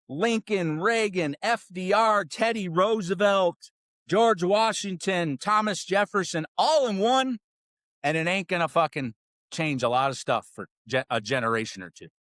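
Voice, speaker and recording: A man's voice: sits high, a bit bright, no room sound, studio quality. A man hosting a political podcast, ranting with angry, sarcastic, profane commentary. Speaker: podcast host.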